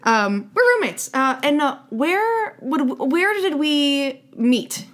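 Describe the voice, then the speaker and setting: Woman podcast cohost, high-pitched and animated, giggly riffing delivery. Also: slow pace. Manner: giggly, riffing, crude jokes. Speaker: podcast co-host. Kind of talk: casual comedic chat.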